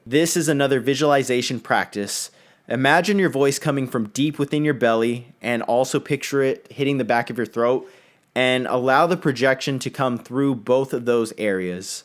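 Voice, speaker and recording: Young guy giving earnest tips to his viewers, casual and direct. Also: mid-range voice. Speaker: self-improvement video host. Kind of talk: casual instructional vlog.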